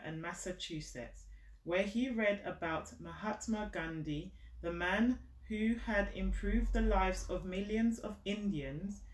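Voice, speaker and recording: This is a thirty-something woman with a medium-pitched, darkish voice, reading a picture book to a child at home and explaining things simply while encouraging them. The recording comes from a camera a step or two from the living room sofa, so it sounds distant and echoey.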